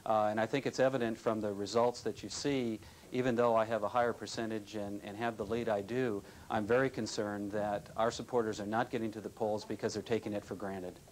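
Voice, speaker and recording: A man, a mayor, answering a live news interview with many pauses and fillers. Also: fairly low pitch, fairly even intonation, a little hiss or hum, rough recording.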